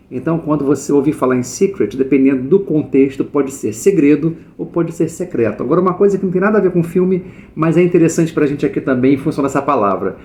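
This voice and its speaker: A middle-aged Brazilian man runs a casual video lesson on English. His voice sits a little high, and he explains eagerly, drawing English words out slowly so learners can follow. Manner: lively, explanatory, slows down to model English words. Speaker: English teacher.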